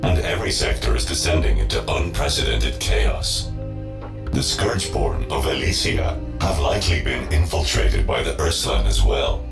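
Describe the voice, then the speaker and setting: A man's voice: rumbling low, vocal fry, heavily acted. A man voicing a rusty, malfunctioning male robot assistant in a video game who reports formally and loyally to his leader. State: glitching, stuttering on boot-up. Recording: roomy echo with game music.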